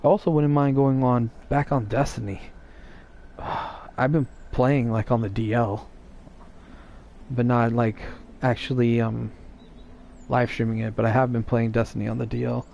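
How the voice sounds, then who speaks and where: A man's voice: medium pitch, flat delivery, measured pace, vocal fry, a little mellow, dull audio, slight background noise. A man streaming live, chatting casually and teasing his viewers in a rambling way.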